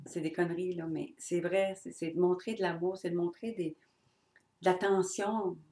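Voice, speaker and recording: A middle-aged woman with a Québécois French accent speaks unscripted to her viewers about personal growth, blunt and earnest, swearing and imitating other voices. Her voice is mellow and on the low side, with fairly even intonation at a normal speed. The room she's in is echoey.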